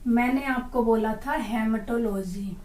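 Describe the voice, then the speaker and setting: A woman's voice: on the high side, darkish tone. Teacher woman drilling terms, echoey room. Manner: drills terms slowly with repeated questions. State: dry throat. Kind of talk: exam-prep lesson. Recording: echoey room, far from mic.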